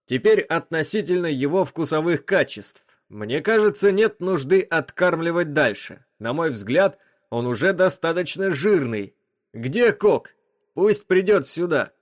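A man voicing a gruff, impatient spaceship captain who gives orders loudly. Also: on the high side, lively intonation, a little slow, dry recording, clean studio sound, pitched above the performer's own voice. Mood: commanding. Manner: commanding, impatient, shouting at times.

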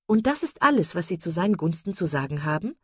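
A woman voicing a passionate, romantic young woman who speaks eagerly and quickly. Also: medium pitch, animated, mellow, slightly rough, no echo, studio quality.

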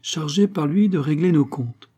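A man's voice: a little high, moderate pace, warm tone, husky, pitched above the performer's own voice. A man voicing a cocky young male bandit who teases and commands in a spoken storybook. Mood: mocking. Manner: teasing, commanding.

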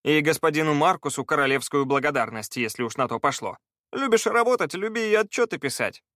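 Male reader playing an upbeat, practical treasure hunter with a teasing streak, higher voice, dry read. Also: animated, fairly quick, pushed and bright, no echo. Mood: brisk. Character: cheerful brisk male treasure hunter, joking.

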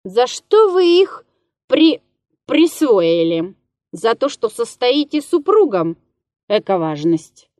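A woman voicing a drunk male musician who mocks and wheedles in a slow, slurred way. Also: fairly high pitch, big pitch swings, darkish tone, no room sound, clean studio sound. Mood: mocking.

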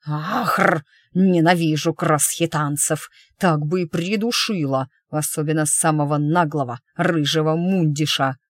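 A woman reading an audiobook, voicing a blunt, hot-tempered young noblewoman who talks gruffly and forcefully. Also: low-pitched, normal speed, hardly any pauses, no echo, studio quality, close to an everyday voice. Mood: furious. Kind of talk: audiobook character voice.

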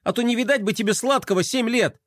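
A man's voice: extremely high pitch, fast, fairly bright tone, no echo, clean studio sound, voice pushed up. A man voicing a superstitious, jittery young boy in a children's story, who talks in an anxious, panicky way.

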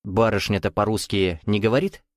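A man's voice: lowish voice, fairly quick, no echo, clean studio sound, close to an everyday voice. A man voicing a jovial, sly bearded Russian nouveau-riche man who teases in a folksy, coaxing way with veiled menace.

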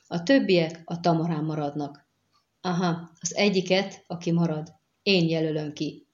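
A woman's voice: low voice, fairly even intonation, a little mellow, muffled recording, natural voice. A woman reading the part of a stern, impatient sorceress giving curt orders in an audiobook. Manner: curt and commanding.

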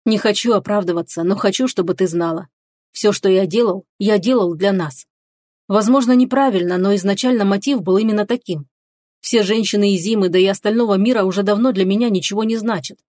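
A woman voicing a stern, devoted male warrior who speaks seriously and in a measured way. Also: medium pitch, darkish tone, dry recording, clean studio sound, natural voice. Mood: tender.

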